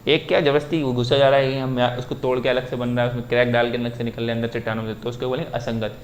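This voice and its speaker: A man's voice: mid-range voice, level tone, fast, a little hiss or hum. A male teacher giving a lesson, explaining step by step and often asking a question and then answering it himself. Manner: repetitive, asks and answers his own questions. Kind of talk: explaining at a whiteboard.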